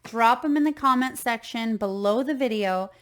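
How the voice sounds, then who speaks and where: A woman giving a tarot reading in a slow, soothing, gently encouraging way, then leading a short guided meditation. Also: fairly high pitch. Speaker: tarot reader.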